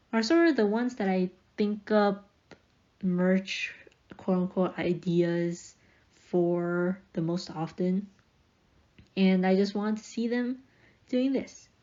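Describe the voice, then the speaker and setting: Young woman's mellow chatty voiceover. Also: on the low side, muffled recording. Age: young adult. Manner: chatty, rambling, with fillers and light laughs. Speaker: artist narrating a speedpaint. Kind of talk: casual voiceover narration.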